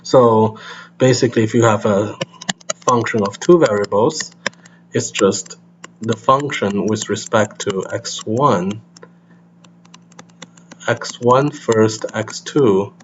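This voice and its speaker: A man giving a recorded university lecture, explaining step by step with frequent restarts and fillers. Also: on the low side. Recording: slightly dull recording with faint hum.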